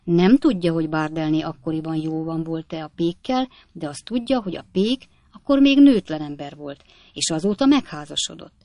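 A woman narrating an audiobook of a classic novel in a lively, expressive storytelling style. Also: deep voice, dry recording.

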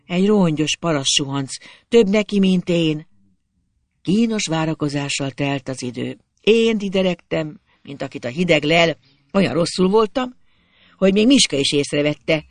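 An expressive storyteller reading a literary tale in the first person, the pitch rising and falling with the story. The voice is melancholy in tone and recorded close and dry, with no room sound. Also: dry recording.

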